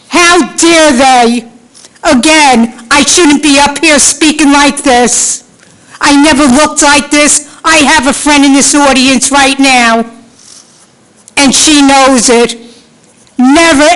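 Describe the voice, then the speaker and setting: A woman's voice: high voice, a bit bright, rough recording. A woman in her sixties speaking as a resident at a city council meeting's public comment, indignant and pleading, repeating her demands for an answer. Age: 60s. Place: council chamber.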